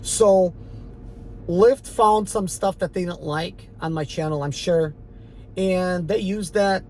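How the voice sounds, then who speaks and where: On a poor recording with slight hiss or hum, a rideshare driver speaks slowly in a mid-range, slightly mellow voice. He's from Ukraine in the former Soviet Union and has an Eastern European accent. Addressing his channel, he rambles in a casual, defiant, emphatic way, leaning heavily on fillers.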